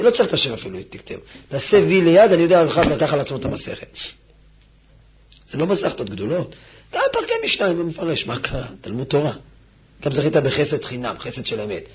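A man giving a fiery sermon as a rabbi, swinging between hushed pleading and loud exhortation. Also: fairly high pitch, slightly rough, muffled recording.

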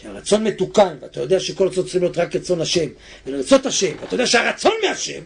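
A man's voice: high-pitched, lively intonation, gravelly, background noise. A man preaching a sermon with passion, repeating phrases and breaking into sudden exclamations.

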